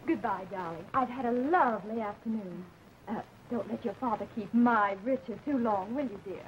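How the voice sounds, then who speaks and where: Actress as high, gushing screwball comedy sweetheart. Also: female voice, moderate pace, natural voice. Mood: adoring. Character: adoring, jealous young sweetheart, sugary and indignant. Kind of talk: 1940s screwball comedy film banter. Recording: dull, noisy 1940s film soundtrack.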